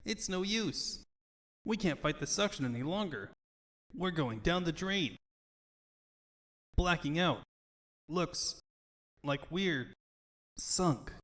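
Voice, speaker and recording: A man's voice: fairly high pitch, animated, slow pace, pauses often, fairly bright tone, no echo, studio quality, voice pushed up. A man voicing a cocky young male hedgehog hero with quippy, breezy banter in a comic book fandub. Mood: weakening, defeated.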